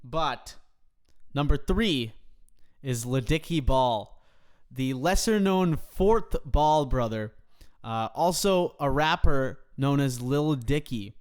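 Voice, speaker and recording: Smooth-voiced man hosting a podcast. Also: medium pitch, takes it slowly. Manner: mock-grand, deadpan boasting. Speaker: podcast host. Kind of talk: casual sports podcast banter.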